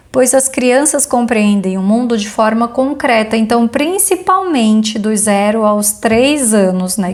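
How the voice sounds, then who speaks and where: Earnest woman giving a parenting lesson. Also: on the high side. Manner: earnest, asks the listener rhetorical questions. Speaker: parenting course instructor. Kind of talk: course module lecture.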